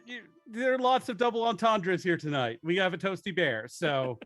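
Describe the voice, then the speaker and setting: A man's voice: high-pitched, normal speed, fairly bright tone, faint music behind. A man chatting casually as a tabletop game player, joking and muttering through his numbers.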